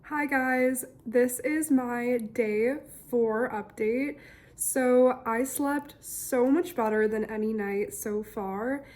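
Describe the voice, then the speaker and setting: A young woman giving a casual video diary update in a slightly raspy voice, a little strained as she recovers. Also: a little high, slow, a little mellow. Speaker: vlogger.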